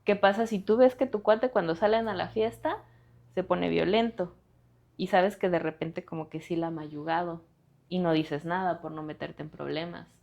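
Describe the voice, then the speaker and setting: A woman's voice: on the low side, fairly even intonation, normal speed, vocal fry, darkish tone. A woman with a Mexican accent, a lawyer and activist, talking earnestly and directly as a guest on a podcast interview. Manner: earnest, direct, appealing to listeners.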